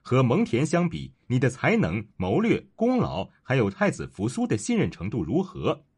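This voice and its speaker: A man voicing a cunning, scheming court official who talks persuasively and insinuatingly, in a husky voice. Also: medium pitch, huge pitch swings, moderate pace, darkish tone.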